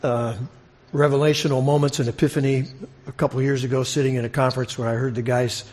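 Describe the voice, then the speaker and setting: This preacher's medium-pitched, darkish voice stays level as he moves at a quick pace. His sermon is conversational and expository, full of questions to the congregation and phrases repeated for emphasis.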